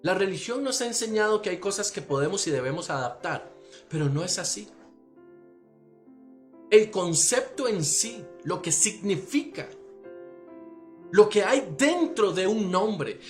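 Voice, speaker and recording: Animated Costa Rican pastor, lively pitch. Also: male voice. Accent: Costa Rican Spanish. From Costa Rica. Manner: animated, asks listeners if they follow. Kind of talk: teaching sermon.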